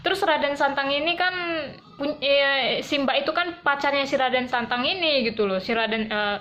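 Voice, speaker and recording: A woman vlogger casually telling a personal story to camera in slangy, animated speech, with quick swings in emotion. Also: sits high, lo-fi sound.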